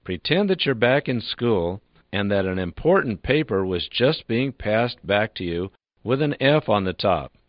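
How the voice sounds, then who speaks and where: A man teaching a drill lesson in a calm, patient, scripted manner, repeating practice phrases for the listener. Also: on the low side, a little slow, dry recording, muffled recording. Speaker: instructor. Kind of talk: scripted instructional narration.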